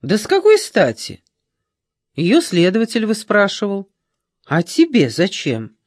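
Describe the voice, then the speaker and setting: A man's voice: high-pitched, wildly swooping pitch, unhurried, no echo, studio quality, pitched above the performer's own voice, heavily acted. A man reading an audiobook, voicing a frightened, angry old woman with scornful, indignant outbursts.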